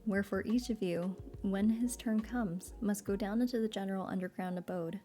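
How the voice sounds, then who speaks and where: A calm, patient old philosopher, read by a woman in a soft bedtime reading. The voice is mellow and warm, and the delivery is steady. Gentle music sits faintly underneath. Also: medium pitch, moderate pace, natural voice.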